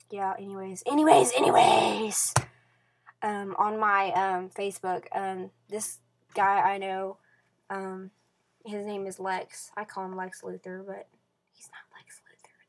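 A woman talks to her webcam from her bedroom, in a mid-pitched voice that is typical for a woman. She rambles, with constant fillers and restarts, and swings between near-whispered mumbling and sudden louder stretches. The sound is that of a plain built-in computer mic. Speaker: vlogger. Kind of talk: casual rambling webcam vlog.

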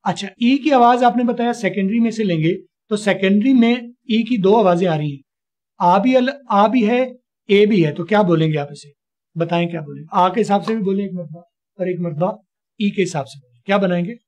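Guy from pakistan teaching english on a call, pretty high voice, keeps asking the same question over and over, muffled lo-fi sound. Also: a little fast, a little mellow. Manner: patient, repetitive questioning. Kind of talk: online spoken English class.

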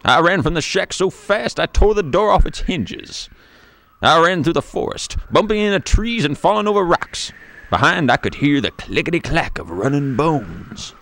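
A man playing a gravelly, lively old grandpa storyteller. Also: on the high side. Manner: playful, dramatic storyteller. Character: old grandfather telling spooky tale. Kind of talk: storybook read-aloud.

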